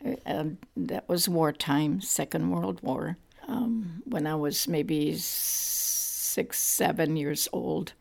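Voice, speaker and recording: An older grandmother, whose voice sits deep and crackles with heavy vocal fry. She talks slowly and reflectively, pausing often and searching for words as she recalls the past in an oral-history interview. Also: darkish tone. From Poland. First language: Polish. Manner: halting, reflective, many pauses and fillers.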